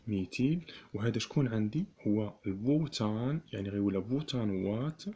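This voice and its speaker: A man with a Moroccan Arabic accent teaching chemistry, repeating each term slowly and asking the class rhetorical questions. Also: fairly low pitch, lively intonation, mellow, muffled recording, a little hiss or hum. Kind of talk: classroom lesson explaining notation.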